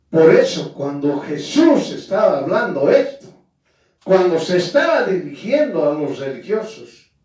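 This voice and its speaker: A man's voice: a little high, darkish tone. A man preaching a sermon and speaking firmly, often addressing his listeners directly. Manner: addresses listeners as "hermano", firm emphatic preaching. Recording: very echoey, from far off the mic.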